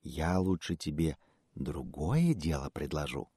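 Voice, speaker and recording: A man's voice: rumbling low, lively intonation, measured pace, mellow, slightly rough, no echo, clean studio sound, voice pushed down, full character voice. Sly storybook fox, coaxing and giggly, done by a man.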